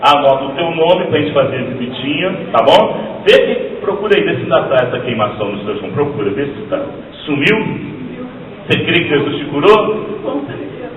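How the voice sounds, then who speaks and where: A Brazilian man leading a deliverance prayer at church, commanding, moving between shouted rebukes and low murmured instructions. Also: animated, a little fast, recorded from a distance, muffled recording. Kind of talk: live deliverance prayer service. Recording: echoey church hall, mic from afar, crowd noise.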